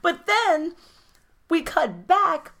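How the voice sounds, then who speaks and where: A woman's voice: extremely high pitch, extremely slow, gravelly. Woman ranting thru a movie recap, swears a lot, voice bounces all over. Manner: animated, profane storytelling with frequent laughs. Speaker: podcast co-host recapping a film. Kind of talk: casual chat.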